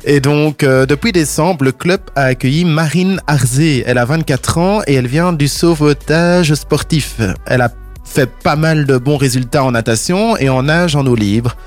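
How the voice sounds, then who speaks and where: Chatty radio reporter. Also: male voice, fairly high pitch, normal speed, faint music behind. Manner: chatty, explanatory, hesitant with fillers. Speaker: radio co-host reporting local news. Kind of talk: casual radio news segment.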